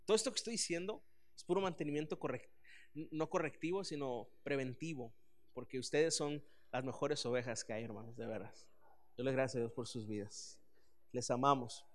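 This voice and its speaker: A man, preaching a sermon as pastor, earnest and animated with frequent restarts. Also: medium pitch, moderate pace.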